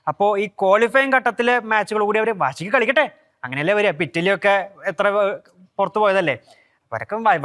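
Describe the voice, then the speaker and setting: A man's voice: sits high, a bit bright. A man on a casual football panel, stating his opinions firmly and often repeating himself. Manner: opinionated, argues his view with repeated phrases.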